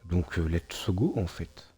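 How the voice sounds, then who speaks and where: A man's voice: sits low, lively intonation, slow pace, mellow, breathy edge, soft background music. A man streaming a video game, muttering to himself in a hesitant, casual way and chatting with his viewers. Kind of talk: casual gameplay live-stream commentary.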